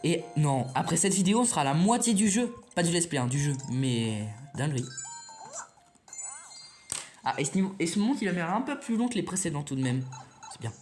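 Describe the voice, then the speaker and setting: A man's voice: a little high, big pitch swings, fairly quick, darkish tone, soft background music. A man giving casual, rambling commentary on a video game as a let's play host, chatting to his viewers and swearing now and then.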